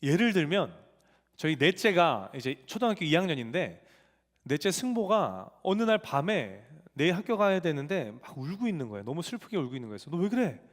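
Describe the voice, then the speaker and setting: A man's voice: on the high side, big pitch swings, brisk. A male pastor preaching a sermon in a church sanctuary, telling family stories in a conversational way. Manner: conversational storytelling with family anecdotes. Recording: long church hall reverb.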